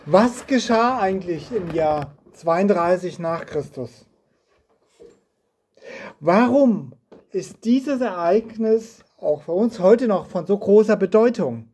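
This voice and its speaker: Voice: mid-range voice, lively intonation, takes it slowly, warm tone, husky. A preacher giving a sermon indoors in a house, reading scripture and asking the listeners reflective questions.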